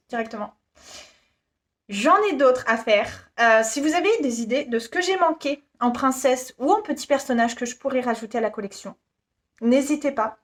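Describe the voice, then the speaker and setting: A woman in her thirties presenting her work in a casual, giggly, self-deprecating vlog chat. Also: high voice. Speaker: YouTuber presenting her shop.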